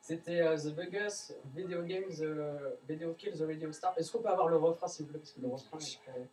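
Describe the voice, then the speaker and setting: A man's voice: a little high, fairly quick, a little mellow, recorded from a distance, a little hiss or hum, low-quality recording. A man presenting a blind test on a radio show, playful and chatty, joking about bad songs. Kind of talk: casual radio chat.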